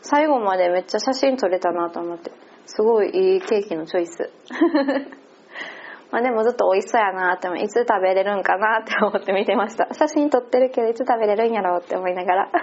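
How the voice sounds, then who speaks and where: A woman's voice: mid-range voice, a little mellow. A woman with a Kansai accent chatting casually and laughing often as she recaps an event. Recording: slightly muffled lo-fi audio.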